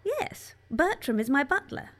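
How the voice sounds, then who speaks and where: Woman doing a posh wealthy woman, prim, measured, high lively voice. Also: heavily acted. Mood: poised.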